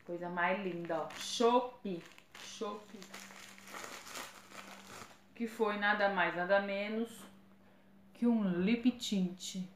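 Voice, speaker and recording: Slow-talking chatty woman in an echoey room. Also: medium pitch, slight background noise. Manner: chatty, stumbles over brand names. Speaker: vlogger. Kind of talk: casual product unboxing. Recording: echoey room, faint ambience.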